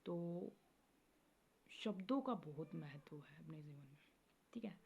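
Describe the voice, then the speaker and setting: Woman with a bit of a gravelly voice giving soft spiritual advice, keeps asking "okay?", kinda muffled recording. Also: low-pitched, animated, a little slow. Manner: gentle, repeats "theek hai" often. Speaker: spiritual video host. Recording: dull lo-fi recording with faint noise.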